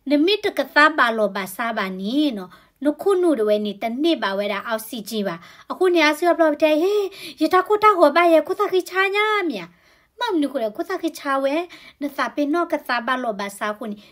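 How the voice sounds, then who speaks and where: A woman's voice: sits high, animated, fast talker, a bit bright. A woman explaining health topics in a conversational way, often adding tag particles to her sentences. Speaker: health educator.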